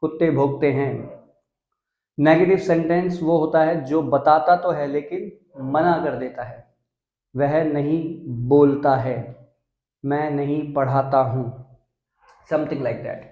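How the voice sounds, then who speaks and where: A man's voice: fairly high pitch, steady tone, slow, echoey room, lo-fi sound. A young Indian man teaching English grammar on a video channel, explaining step by step and mixing English terms into Hindi. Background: dogs barking.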